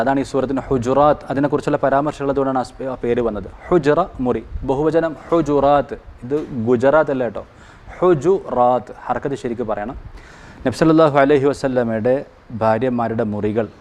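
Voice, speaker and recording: A man's voice: mid-range voice, darkish tone. Earnest man teaching Qur'an commentary. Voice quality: chants Arabic verses slowly between plain explanation. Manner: earnest, explanatory, corrects himself aloud. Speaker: Islamic teacher explaining the Qur'an.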